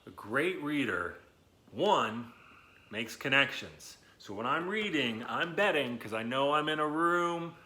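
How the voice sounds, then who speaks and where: An adult man, no longer young, leads a read-aloud lesson for children at a medium pitch. He's animated, chatty, and encouraging, stressing words and asking his listeners questions.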